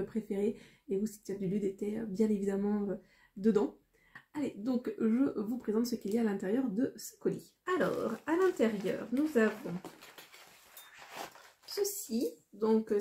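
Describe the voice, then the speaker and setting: Mellow, hesitant French woman vlogger. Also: medium pitch. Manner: hesitant, rambling, frequent pauses. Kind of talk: casual unboxing vlog.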